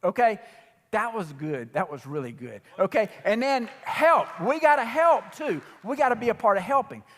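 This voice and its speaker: Impassioned male pastor, high voice. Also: big pitch swings, a bit bright, in a large hall. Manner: impassioned, repetitive, speeds up and slows down. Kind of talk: sermon. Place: church sanctuary.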